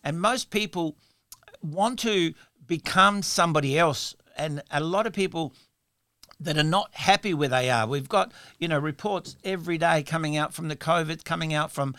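A man's voice: a little high, normal speed, bright, forceful tone, no room sound. A talk radio host with a slightly raised voice, chatting on in a loose, upbeat, rambling way. His voice is recorded close and dry, with no room sound behind it.

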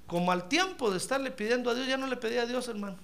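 A man preaching an animated sermon, often calling the listener brother. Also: very high voice, very fast, vocal fry. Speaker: pastor.

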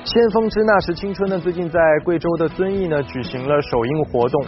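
A man with a fairly high voice presents entertainment news conversationally. The broadcast sound is slightly dull, with light music underneath. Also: fairly quick. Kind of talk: chatty presenting.

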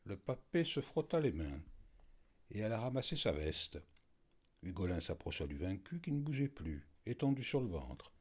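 A man narrating a literary story in an expressive reading voice. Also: lowish voice, normal speed, slightly rough. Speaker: audiobook narrator.

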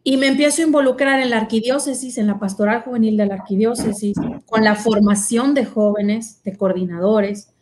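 A woman shares her personal testimony in a relaxed interview. Her voice sits a little high, and she talks earnestly with plenty of fillers and pauses. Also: slight background noise. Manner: earnest, storytelling, many fillers. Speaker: guest sharing her vocation testimony.

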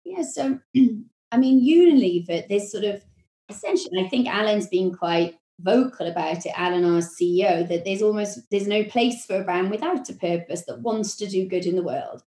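A woman with a Welsh accent, a marketing executive explaining her work in a podcast interview, measured and full of corporate phrasing. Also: medium pitch, warm tone, reverberant.

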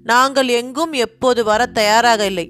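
A woman's voice: fairly high pitch, steady tone, moderate pace, lightly acted. A woman reading as a bold outspoken young woman. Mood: defiant. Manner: bold, sharp-tongued.

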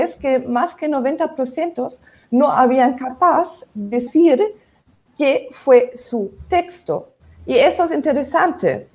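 A novelist appearing as a panel guest explains her writing very slowly, searching for words. Her fairly high voice is a little mellow, and her Spanish carries a foreign accent because it isn't her first language.

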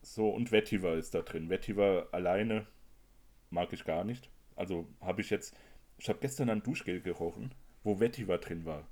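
Casual male co-host, low-pitched, chatty and quick to laugh. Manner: chatty, animated, laughs often while sniffing samples. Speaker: perfume reviewer co-host. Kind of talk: casual chat.

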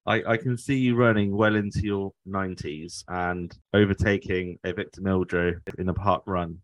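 Man, British accent, deep pitch, dry sound, podcast host, conversational and rambling. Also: steady tone, normal speed, no room sound, poor audio. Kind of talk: casual chat.

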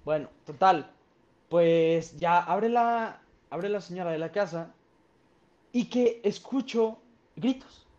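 A man's voice: high voice, slow, a little mellow. A young man with a Mexican Spanish accent telling a story on a podcast in a rambling, slangy way with lots of fillers. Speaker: podcast co-host. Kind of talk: casual storytelling. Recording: dull lo-fi sound.

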